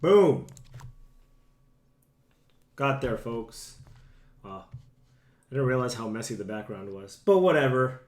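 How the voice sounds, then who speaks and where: A man's voice: medium pitch, sing-song, slow pace, pauses often. A young man who is a bit sick and losing his voice, chatting casually with viewers on a live stream from a room at home. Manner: chatty, self-deprecating, talks to chat. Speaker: streamer playing a card game.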